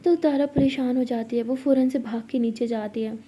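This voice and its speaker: A young woman storyteller with a high, warm voice and a breathy, husky edge. She narrates softly, often dropping to a whisper. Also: fairly even intonation, normal speed. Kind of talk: intimate spoken storytelling.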